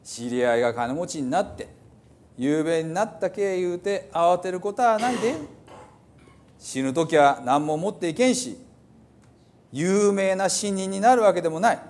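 Playing a stern old psalmist preaching mortality, a man reads scripture aloud in an old Hiroshima dialect, emphatic and declaiming with a tone of solemn warning. His voice sits high, expressive and a little mellow, at normal speed, pushed up, with slight background noise.

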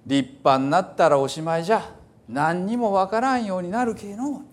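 A man lightly acts the role of a stern old psalmist, emphatically declaiming scripture about mortality in old Hiroshima dialect as a solemn warning. The voice is high-pitched and pushed up, at normal speed, with a little hiss or hum.

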